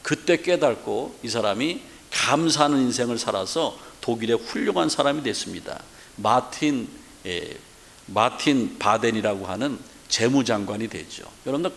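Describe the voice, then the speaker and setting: A man's voice: mid-range voice, animated, normal speed, creaky, a bit bright, in a large hall, a little hiss or hum. A man preaching a sermon as pastor, in an earnest tone. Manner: earnest preaching, acting out quoted prayers. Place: church sanctuary.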